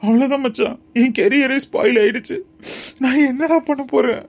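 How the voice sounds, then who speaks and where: A man voicing two anxious young friends in a family cartoon, one pleading in worry and the other calming him. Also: high voice, a little fast, muffled recording, lightly acted. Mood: worried. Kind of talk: cartoon voice acting.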